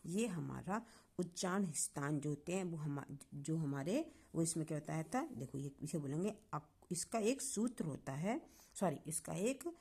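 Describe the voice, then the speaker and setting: A woman teaching a grammar lesson online, explaining patiently, sounding out syllables slowly and asking the class questions. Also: deep voice, animated, vocal fry, warm tone, husky.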